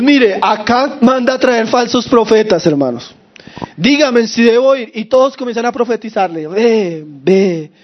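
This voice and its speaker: A man's voice: very high-pitched, muffled recording. A male pastor preaching a sermon with a sore throat, asking the congregation questions and calling them brothers.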